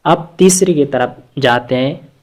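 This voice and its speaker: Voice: medium pitch, unhurried, darkish tone. A teacher giving an explanatory lecture on poetic metre, hesitant, with frequent filler sounds and restarts, and answering their own rhetorical questions. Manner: asks rhetorical questions, then answers them.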